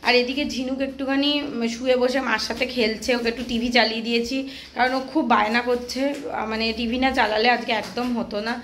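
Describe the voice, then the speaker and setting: A woman from Kolkata chatting casually in a home vlog, hoarse from a sore throat and sounding weary and fretful. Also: fairly high pitch, steady tone, quick pace, fairly bright tone, slight background noise. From Kolkata, West Bengal. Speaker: vlogger, mother of a baby. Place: home indoors.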